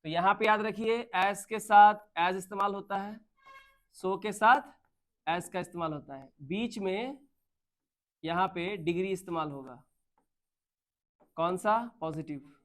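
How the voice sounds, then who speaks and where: A man's voice: high-pitched, slow pace, long pauses. A man teaching a grammar class, asking his students questions and answering them himself, mixing in English words. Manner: mixes Hindi with English terms.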